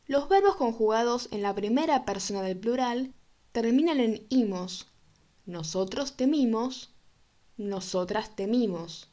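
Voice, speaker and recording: A woman narrating a scripted language lesson, reading example forms slowly and with careful enunciation. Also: medium pitch, darkish tone. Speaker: Spanish teacher.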